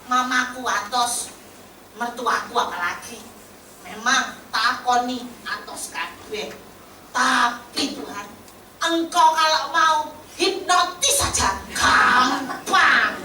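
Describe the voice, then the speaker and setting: A woman's voice: on the high side, bright, forceful tone, a little hiss or hum. Woman voicing an earnest praying woman. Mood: confident. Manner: earnest, pleading prayer sprinkled with Javanese words. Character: weary pleading woman praying to God. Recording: echoey hall, distant mic.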